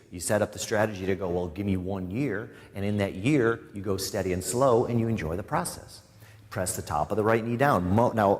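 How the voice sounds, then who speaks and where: A man guiding a live yoga class, giving calm cues broken up by chatty, joking asides to his students. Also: fairly low pitch. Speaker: yoga instructor. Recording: long reverb in a studio room.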